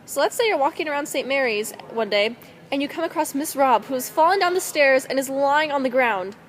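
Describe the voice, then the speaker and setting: A woman's voice: high-pitched, expressive, a little fast, low-quality recording. A young woman presenting a student first-aid instruction video, reading steadily with a few fillers. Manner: reads steadily with some fillers. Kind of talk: scripted instructional narration.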